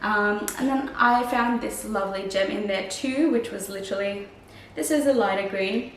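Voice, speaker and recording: A croaky woman rambles casually through a vlog explanation, sounding a bit unwell. She is recorded slightly away from the mic in a roomy space with faint noise. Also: medium pitch, moderate pace, far from the mic. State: croaky voice from oncoming illness. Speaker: crochet vlogger. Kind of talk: casual chat to camera, vlog.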